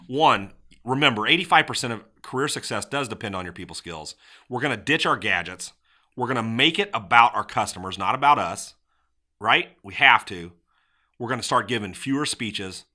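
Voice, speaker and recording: A middle-aged man hosting a podcast, giving casual motivational sales advice and acting out sample lines in different tones. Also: mid-range voice. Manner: animated, acts out sample lines with shifting tone. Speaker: podcast host.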